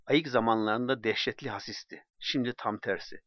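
Male audiobook narrator, measured delivery, dry, slightly dull recording. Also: mid-range voice, no room sound. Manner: plain, measured storytelling, acting out dialogue.

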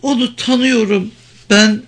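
A man voicing a desperate, hostile young woman captive with a thin, trembling voice, shrill and pleading. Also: fairly even intonation, moderate pace, a bit bright. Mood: distressed.

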